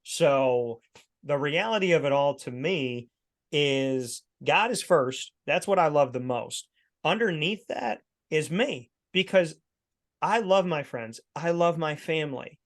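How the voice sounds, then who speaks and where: Taking it slowly in a fairly high, expressive voice, a podcast co-host in his thirties chats casually. His storytelling is emphatic and somewhat preachy.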